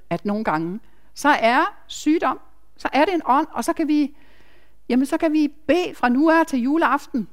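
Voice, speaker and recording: A woman, a nurse, giving a chatty, emphatic personal testimony to a congregation, with asides to the listeners. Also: sits high.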